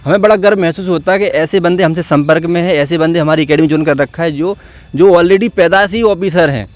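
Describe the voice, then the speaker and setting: A man's voice: on the high side, fairly quick, no echo. A man, a coach giving an earnest, encouraging motivational talk to his students at an outdoor gathering. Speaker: coach at a police exam academy.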